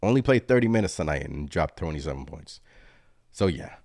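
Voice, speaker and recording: A low-pitched man hosts a live postgame reaction stream. He rambles excitedly and stops to read chat comments aloud. The sound is dry and close, with no room around it. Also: fairly quick, no room sound. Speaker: sports fan channel host.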